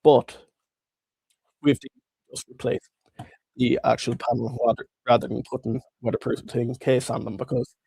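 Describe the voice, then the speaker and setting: Congested man with a gravelly, sore-throated voice. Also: medium pitch, little pitch movement, moderate pace, pauses often, dark tone, dry recording, poor audio. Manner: informal, chatty, addressing viewers. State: congested, strained throat from tonsillitis and a cold. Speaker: livestream host. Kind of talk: casual live stock market commentary.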